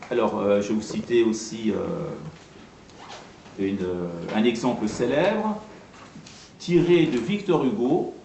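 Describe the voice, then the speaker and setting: A man lecturing on poetry translation to an audience, patient and repetitive, spelling out each term with frequent pauses. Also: mid-range voice, expressive, gravelly, noisy background. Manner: patient, repeats and spells out terms, pausing often. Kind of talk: explanatory talk to an audience. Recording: echoey room from far off.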